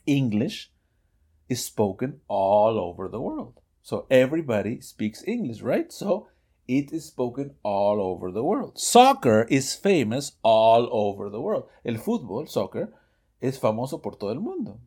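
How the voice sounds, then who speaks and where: Lively husky teacher explaining phrases. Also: male voice, mid-range voice. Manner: lively, self-correcting, reads examples slowly. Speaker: English teacher. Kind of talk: Spanish-language English lesson podcast. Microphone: studio microphone, audio only.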